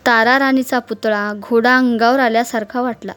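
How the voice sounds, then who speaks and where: A woman narrates a rustic short story at a steady pace. Her voice sits slightly high, and soft music runs quietly behind her. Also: normal speed. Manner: steady, dialect-flavoured narration.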